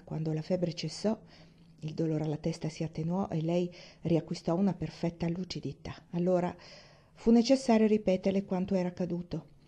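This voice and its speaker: A woman reading a children's novel aloud in a calm, measured way. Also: fairly low pitch. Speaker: reader. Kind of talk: audiobook narration.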